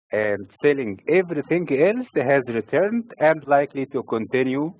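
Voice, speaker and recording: A man from Egypt giving scripted financial market commentary in a steady, formal delivery. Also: mid-range voice, no room sound. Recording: tinny phone-like recording.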